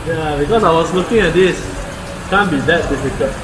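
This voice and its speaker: Higher-voiced Singaporean man vlogging casually. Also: brisk, noisy background. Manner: colloquial, with Singlish particles and tag questions. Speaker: vlog host. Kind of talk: casual vlog chat to viewers.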